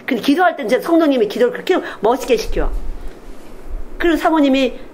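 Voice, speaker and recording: A woman's voice: sits high, quick pace, a little hiss or hum, poor audio. A woman missionary preaching a Sunday sermon in a candid, confessional way, often acting out quoted speech. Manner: animated, acts out quoted speech in different voices.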